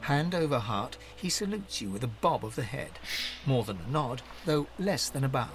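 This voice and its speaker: A man acts as a dramatic fantasy storyteller narrating a video game. His mid-pitched voice moves expressively through literary phrasing, with music behind it. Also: animated, normal speed, lightly acted. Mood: measured, descriptive.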